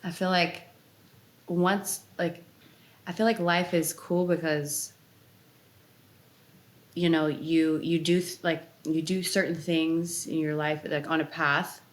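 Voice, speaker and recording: A woman's voice: sits low, flat delivery, slow pace, long pauses. A woman in her thirties, a dancer guest on a casual podcast, talking in a rambling way full of "like" fillers. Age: 30s. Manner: chatty, rambling with many "like" fillers. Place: Los Angeles.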